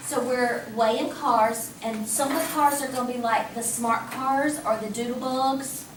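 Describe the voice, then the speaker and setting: A woman math teacher giving a lively classroom lecture, talking casually and asking the class questions. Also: on the high side, a little slow. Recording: echoey classroom from a distance, faint hum.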